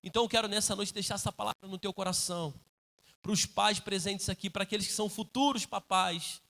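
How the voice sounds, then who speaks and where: Middle-aged man, church pastor, high voice, preaching with earnest force. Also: steady tone, a little fast, vocal fry, pushed and bright. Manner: calls listeners "querido". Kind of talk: sermon. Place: church sanctuary.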